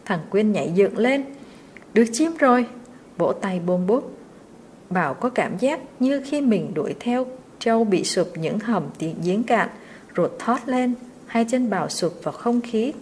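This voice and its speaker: A woman reading a short story aloud, steady and expressive, at a mid-range pitch. A faint hiss sits under the voice.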